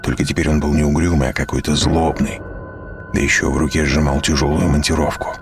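Very deep, gravelly male narrator. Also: level tone, a little fast, music in the background. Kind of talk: first-person audiobook narration.

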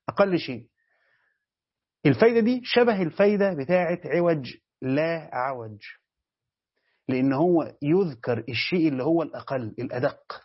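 A sheikh with an Egyptian Arabic accent leads a Quran commentary class, explaining step by step and repeatedly making sure his students are following. His voice is a little high with a breathy edge, captured in a dull, lo-fi lecture recording.

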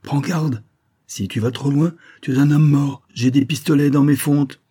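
A man's voice: mid-range voice, animated, normal speed, warm tone, husky, voice pushed up. A man reading a novel aloud, voicing a hot-tempered young nobleman who speaks abruptly and threatens. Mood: threatening. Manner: abrupt, raised and strained.

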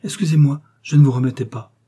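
A man voicing a coarse, bustling older country priest who talks loudly and jovially. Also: mid-range voice, fairly even intonation, fast talker, slightly rough, pitched above the performer's own voice. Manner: loud, jovial, scolding.

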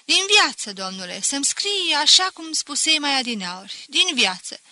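Woman reading as a sarcastic older male teacher, sneering, mocking chuckles, bright forceful tone, audiobook. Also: high voice, big pitch swings, dry recording, voice pushed up, heavily acted. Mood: condescending.

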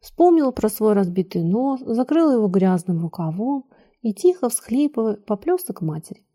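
A woman with a mellow, warm tone reads a story aloud. Her narration is measured and even, in the manner of a scripted audiobook. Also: on the high side.

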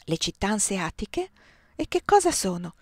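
Brief: eager young princess, raised lively voice, close dry sound , read by a woman. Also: sits high, a little fast, no echo, pitched above the performer's own voice. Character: young woman, affectionate princess narrating her life.

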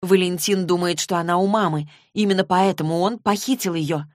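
A woman's voice: on the low side, brisk, no echo, clean studio sound, natural voice. A woman voicing an anxious teenage girl who speaks urgently and pleadingly. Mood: earnest. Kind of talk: audiobook character reading.

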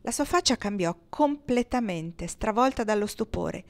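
Woman audiobook reader, mid voice, expressive storytelling. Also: medium pitch, normal speed. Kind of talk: audiobook narration.

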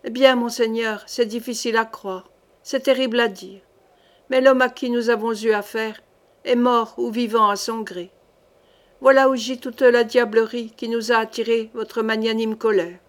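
A woman's voice: a little high, steady tone, normal speed, close to an everyday voice. A woman reading the part of a frightened male henchman who rambles through a dramatic, pleading account to a duke. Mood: fearful pleading.

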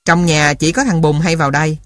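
A woman voicing a kind, forgiving old grandmother in a storybook audiobook, speaking softly and patiently. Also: sits low, fairly even intonation, brisk, dry recording, clean studio sound, natural voice. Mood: worried.

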